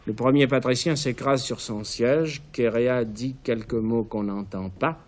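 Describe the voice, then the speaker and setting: Male author reading stage directions; even, measured delivery. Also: medium pitch. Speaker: author reading his play.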